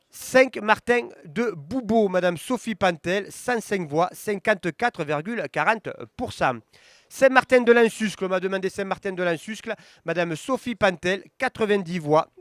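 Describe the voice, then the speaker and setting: A man on local TV, reading out election results live, calling each town name loudly and then listing candidates, votes and percentages, with quick asides to viewers. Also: high-pitched, dry recording, clean studio sound.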